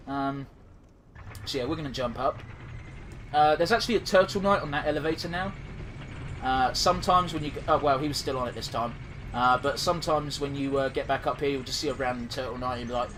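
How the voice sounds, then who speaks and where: As a gaming commentator, this man narrates a let's-play casually, swearing and trailing into fillers, his nose blocked. His voice is medium-pitched and a bit bright, with slight background noise behind it.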